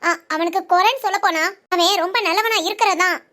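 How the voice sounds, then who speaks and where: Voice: very high voice, a little fast, bright, forceful tone. A performer voicing an earnest young woman friend who keeps coaxing with persistent questions.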